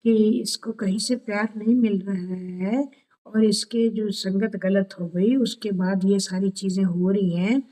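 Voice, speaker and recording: An older woman telling a story in a devotional session, animated and acting out conversations, speaking over a video call. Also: medium pitch, measured pace, low-quality recording. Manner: animated, acts out dialogue with children. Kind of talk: storytelling talk.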